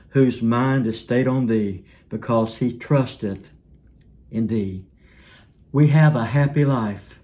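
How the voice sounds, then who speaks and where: Man, preacher, earnest sermon, trailing off low and quiet. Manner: earnest, dropping to a soft low voice at line ends.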